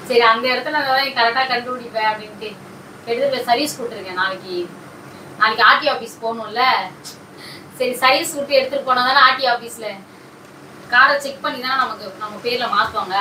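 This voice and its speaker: At home, a woman with a rather high, sharp voice pulls a prank, teasing and coaxing in a casual, playfully defensive way. The recording sounds roomy and distant, with faint noise.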